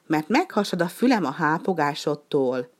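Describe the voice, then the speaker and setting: A woman's voice: low voice, sing-song. A woman doing a small, grumpy storybook penguin. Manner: grumbling, blunt. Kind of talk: storybook reading.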